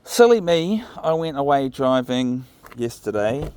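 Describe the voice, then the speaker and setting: Male vlogger, New Zealand accent, mid-pitched, casual and musing, thinks aloud in an unhurried ramble. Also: very animated, a little mellow, slight background noise. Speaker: vlogger walking his dog. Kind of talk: casual rambling vlog narration. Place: outdoors, walking along a path. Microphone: phone recording while walking.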